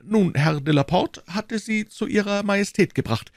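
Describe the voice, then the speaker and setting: A man's voice: sits high, moderate pace, no echo, clean studio sound, voice pushed up. A man voicing a talkative, deferential married man who confides at length in a polite, rambling way. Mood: confiding.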